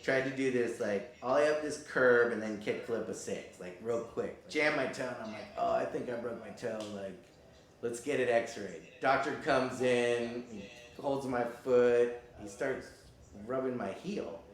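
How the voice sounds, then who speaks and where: Man, 50s, pro skater, casual interview storytelling, middle-pitched, easygoing and a bit profane, heavy room echo. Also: measured pace. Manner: laid-back, swears casually, acts out the people in his stories. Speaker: professional skateboarder. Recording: very echoey room.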